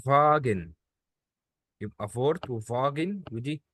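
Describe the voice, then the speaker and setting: A man's voice: medium pitch, animated, a little slow, fairly bright tone, no room sound. Egyptian man patiently drilling pronunciation. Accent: Egyptian Arabic. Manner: patient, drills words by repeating them. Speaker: German language teacher. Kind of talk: one-on-one pronunciation lesson.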